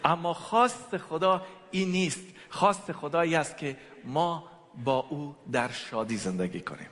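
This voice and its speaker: Speaking very fast in a high-ish, expressive, slightly bright voice, this Afghan man preaches and shares his testimony in short passages so an interpreter can follow. He is a guest preacher whose first language is Persian, and his accent is Afghan. The big church hall gives everything a long, echoing tail.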